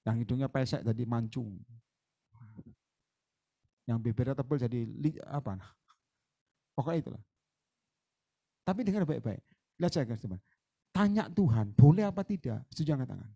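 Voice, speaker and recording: A man preaching a lively sermon as a guest preacher, chatty, jumping between loud bursts and low asides and acting out conversations with church members. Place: church hall.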